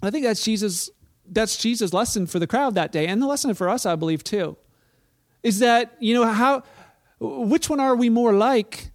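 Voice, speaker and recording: High-voiced man preaching conversationally. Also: expressive, normal speed. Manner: conversational, storytelling with frequent restarts. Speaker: pastor. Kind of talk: sermon.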